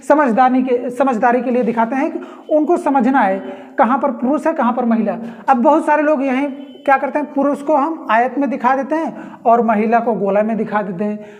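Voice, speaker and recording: A woman teacher giving an exam-prep reasoning lesson, explaining slowly and asking her students rhetorical questions that she answers herself. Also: sits high, darkish tone.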